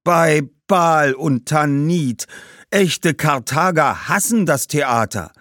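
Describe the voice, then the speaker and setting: A man voicing the boastful ghost of an old warrior ancestor, speaking slowly and indignantly in a storybook. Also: sing-song, no echo, studio quality. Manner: slow, booming and indignant.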